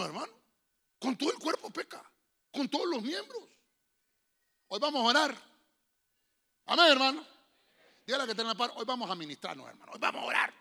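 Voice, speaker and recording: A Honduran pastor preaching to his church in a high, bright voice with a gravelly edge. He keeps his congregation engaged with questions, and his pitch leaps around as he moves from loud calls to hushed whispers. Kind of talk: lively sermon.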